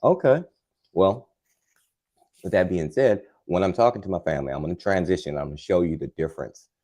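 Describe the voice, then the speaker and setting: A man with an extremely low voice talks gardening in a live demo. His tone is dark and mellow, and his delivery is calm, unhurried and soothing. He rambles casually with plenty of fillers. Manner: chatty and rambling, with many fillers. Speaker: gardening channel host.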